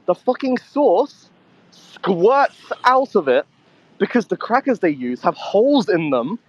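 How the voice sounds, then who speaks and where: A man's voice: high-pitched, big pitch swings, slow, no room sound. Swearing guy rambling over a muffled line. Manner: swears a lot, rambling storytelling. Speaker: co-host of a live audio chat. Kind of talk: casual chat. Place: convenience store.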